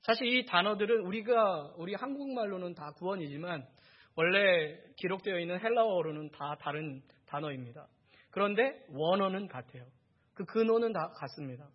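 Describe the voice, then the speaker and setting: High-voiced, husky preacher man. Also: dull audio. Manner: asks the congregation rhetorical questions; builds emphasis through repeated phrases. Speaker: pastor. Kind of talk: sermon.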